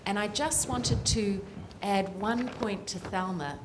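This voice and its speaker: A woman's voice: mid-range voice, slow pace, background noise. New Zealand woman speaking on a panel. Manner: earnest, with frequent ums. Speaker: panel speaker, political scientist. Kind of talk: panel discussion remarks.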